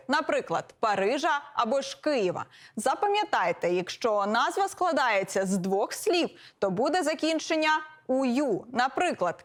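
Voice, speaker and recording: Higher-pitched woman explaining grammar. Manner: measured, listing examples one by one. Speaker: philologist presenter. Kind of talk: scripted educational explanation.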